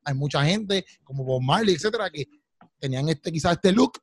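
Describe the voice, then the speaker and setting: A young man with a Puerto Rican accent, telling animated stories in a casual chat and calling his friends "loco" and "papi". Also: fairly high pitch, brisk, husky, dry recording. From Puerto Rico. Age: young adult.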